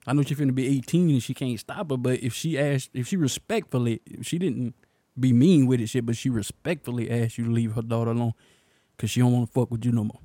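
A man's voice: medium pitch, steady tone, quick pace, dark tone, no room sound. A young man co-hosting a casual podcast, ranting bluntly, swearing and laughing often. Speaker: podcast co-host.

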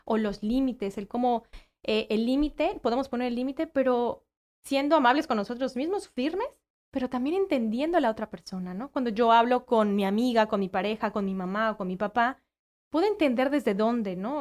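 A woman's voice: fairly high pitch, moderate pace. A woman, a guest who works with children, talking in a casual conversation and acting out quoted voices as she explains. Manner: animated, acts out quoted voices.

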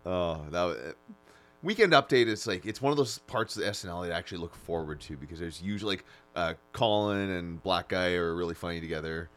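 A man co-hosting a podcast, casually retelling comedy sketches in an animated way. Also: deep voice, a little fast. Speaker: podcast co-host. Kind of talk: casual chat.

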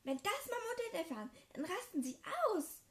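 A woman voicing a furious young teenage boy who shouts and scolds his younger sister, in an amateur audio story reading. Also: extremely high pitch, big pitch swings, brisk, voice pushed up. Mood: yelling. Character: furious young teen boy, protective older brother.

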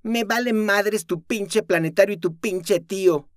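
A defiant young woman soldier, cursing in slang, her voice high and hard. A man voices her in an audiobook. Slow, loud, and close to the mic. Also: dry recording. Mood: furious.

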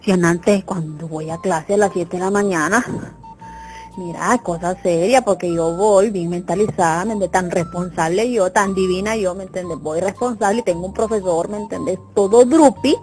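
A woman's voice: fairly low pitch, moderate pace, darkish tone, faint music behind. A young woman performing a chatty, exaggerated comic monologue and often checking that the listener follows her. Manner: chatty, exaggerated, keeps asking "you get me?". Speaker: comedian.

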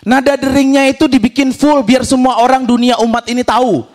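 A man's voice: very high-pitched, level tone, fairly quick, darkish tone, a little hiss or hum. A man doing a stand-up comedy set, telling stories animatedly and acting out other people's voices, with audience laughter behind him. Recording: live stage recording with audience.

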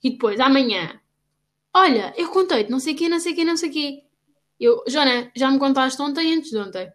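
A woman's voice: high-pitched, expressive, fairly quick, fairly bright tone. A young woman with a European Portuguese accent in casual chat, teasing her friend in a mock-scolding way.

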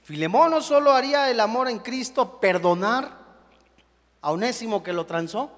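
A young man preaches a sermon with a high, lifted voice. He is animated and slips into the voices of the people he quotes. His words ring out with a long reverb, as in a church hall. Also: normal speed. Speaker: pastor.

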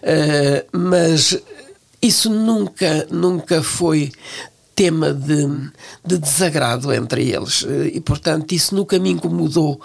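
Gravelly older Portuguese woman, hesitant. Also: low-pitched, slow. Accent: European Portuguese. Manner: reflective, frequent hesitations and restarts. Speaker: guest. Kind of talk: relaxed interview conversation.

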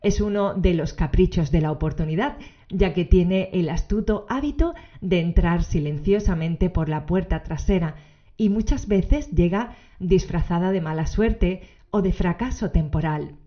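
A woman's voice: on the low side, unhurried. A woman hosting a solo podcast, explaining in semi-scripted narration, addressing one listener directly. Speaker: podcast host. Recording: dull lo-fi audio, faint music behind.

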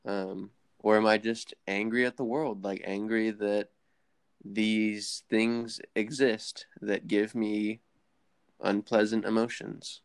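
A man's voice: lowish voice, little pitch movement, slow, smooth. A man in casual conversation, reflecting aloud and questioning himself.

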